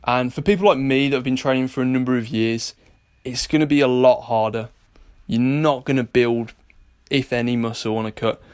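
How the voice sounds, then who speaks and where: A British man chats straight to his viewers in a relaxed vlog, mid-pitched and ordinary in tone. He is blunt and jokey, swearing freely as he gives fitness tips. Much of it is recorded indoors at a gym. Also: normal speed, hardly any pauses, clean tone. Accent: British English. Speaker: vlogger and personal trainer. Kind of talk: casual vlog chat.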